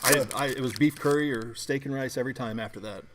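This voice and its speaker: A man's voice: mid-range voice, fast talker, noisy background. A man with a mid-range voice hosts a live card break in an easygoing way. He chats between pulls and calls out card numbers as he goes. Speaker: host of a card break show.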